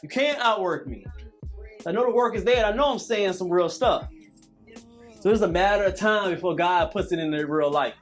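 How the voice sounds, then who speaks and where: Guy in his 30s calling out workout cues, high voice, preachy and repetitive, faint music behind. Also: moderate pace. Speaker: fitness coach. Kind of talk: workout vlog coaching.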